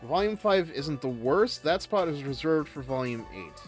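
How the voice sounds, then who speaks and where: A man streaming a game talks in a casual, rambling way. His pitch moves around a lot as he hesitates and thinks aloud, with music faintly behind him. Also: lively intonation, normal speed. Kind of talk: casual live commentary and chat.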